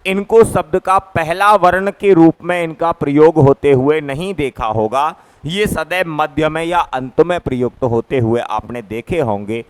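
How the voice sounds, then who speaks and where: Slow, clear-voiced male teacher. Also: a little high. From Rajasthan, India. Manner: patient, drills letter sounds one by one, repeats points. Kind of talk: classroom grammar lecture. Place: classroom, writing on a board.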